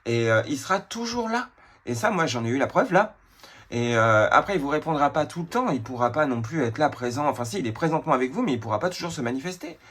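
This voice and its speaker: A man's voice: on the high side, animated, fast talker, a bit bright. Hesitant man confiding in a vlog. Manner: hesitant, full of filler sounds and restarts; confiding, emotional storytelling. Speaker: tarot card reader. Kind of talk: casual spiritual vlog talk.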